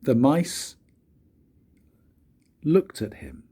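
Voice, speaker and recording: A grandfather reads a children's storybook aloud, his medium-pitched voice husky and breathy. He narrates expressively, adding dramatic pauses.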